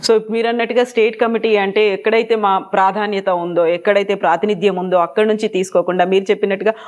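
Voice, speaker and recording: A woman's voice: medium pitch, steady tone, rapid-fire. A woman interviewer, pressing a politician with probing follow-up questions.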